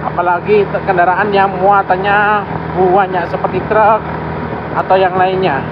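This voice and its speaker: Male travel vlogger, high voice muffled through a face mask, halting casual commentary over loud engine and road noise. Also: little pitch movement. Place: outdoors, riding a vehicle on a village road.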